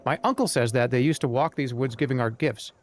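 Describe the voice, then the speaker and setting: A man's voice: medium pitch, a little fast, soft background music, natural voice. A man voicing an eager, inquisitive young child in a fairytale forest game. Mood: eager, curious.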